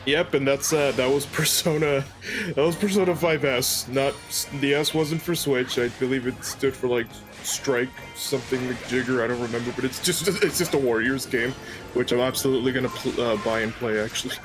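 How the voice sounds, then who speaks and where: A man's voice: medium pitch, normal speed, music in the background. A man in casual chat with friends on a game stream, talking in a jokey, rambling way.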